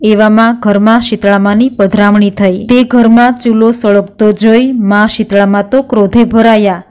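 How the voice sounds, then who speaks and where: A middle-aged woman tells a devotional folk tale at an even, unhurried storyteller's pace. Her voice is smooth and clear, sitting at an ordinary middle pitch. She reads the characters' lines in the same plain voice she uses for the narration. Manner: steady, plain storytelling with quoted dialogue read in the same voice.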